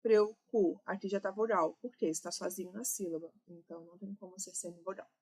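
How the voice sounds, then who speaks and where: A woman's voice: mid-range voice, fairly even intonation, fairly quick, warm tone, slightly rough. A woman with a Brazilian Portuguese accent, teaching an exam-prep grammar lesson, explaining step by step and checking in with "ok?" and "né?".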